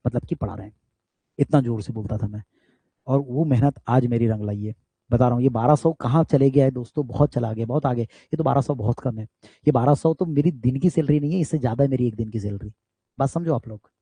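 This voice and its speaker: Talking a little fast, a man from India who teaches physics delivers a motivational aside to students in an online class. He is loud, emphatic and direct, firing off tag questions again and again to make sure they're keeping up, in a breathy mid-range voice with no room sound.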